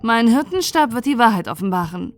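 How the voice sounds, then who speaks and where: A woman's voice: a little high, animated, a little fast, faint music behind, close to an everyday voice. A woman doing a stern zealous inquisitor. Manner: stern, commanding, contemptuous. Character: cold, zealous female inquisitor, ruthless leader.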